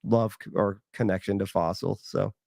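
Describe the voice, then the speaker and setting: A man's voice: fairly low pitch, steady tone, moderate pace, vocal fry, darkish tone, no room sound, clean studio sound. A man chatting casually as a guest, easygoing and a bit hesitant, with lots of "like" and restarts. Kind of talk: casual chat.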